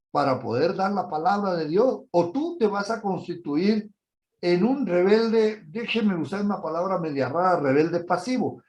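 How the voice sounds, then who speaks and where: Lively, emphatic man preaching a sermon. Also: sits high. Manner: lively, emphatic, rhetorical questions to listeners.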